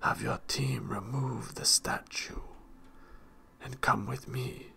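A man voicing a secretive, commanding holy man in a hushed whispered role-play. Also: mid-range voice, fairly even intonation, takes it slowly, gravelly, full character voice. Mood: cold command.

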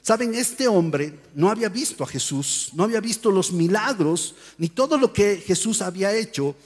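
A male pastor preaching a sermon in a church, telling Bible stories in a lively way and acting out the voices of the people in them. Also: high voice, moderate pace, big-room sound. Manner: animated storytelling, acts out voices and shouts. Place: church hall.

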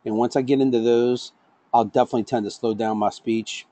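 A middle-aged man teaching an online safety class. He talks fast and tags his points with "right?" and "okay?". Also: mid-range voice, steady tone, dark tone, dry recording. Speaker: safety trainer.

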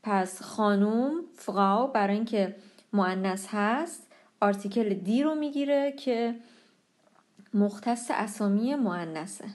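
A young woman teaching a language lesson, explaining pronunciation patiently and slowing down on example words. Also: medium pitch, darkish tone.

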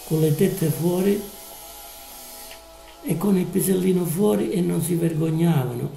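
Slow, gravelly male preacher. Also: a little high, warm tone, roomy sound, rough recording. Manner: slow, drawn-out, emphatic preaching. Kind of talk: live sermon.

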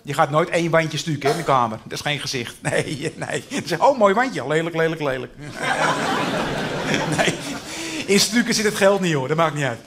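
A man's voice: on the high side, moderate pace, a crowd in the background, natural voice. A man playing a pushy, overly familiar contractor in a cabaret sketch, talking in brash, repetitive sales patter. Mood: pushy, upselling. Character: pushy chummy male contractor, upselling. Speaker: contractor inspecting a house.

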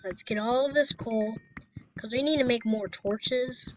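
A young woman chatting casually as she plays through a video game, giggly and quick to burst into dramatic outbursts. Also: fairly high pitch, very noisy. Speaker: gaming YouTuber. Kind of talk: casual let's-play commentary.

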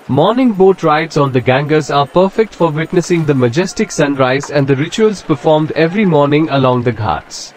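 A man giving a scripted travel narration in an even, informative guidebook manner. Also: fairly high pitch, normal speed, hardly any pauses, a little hiss or hum. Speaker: travel vlogger.

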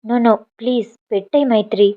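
A woman's voice: a little high, a little fast, narrow, tinny audio, natural voice. A woman reading the part of a heartbroken young woman who speaks weakly and tearfully, in a storybook reading. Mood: tearful despair. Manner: weak, tearful.

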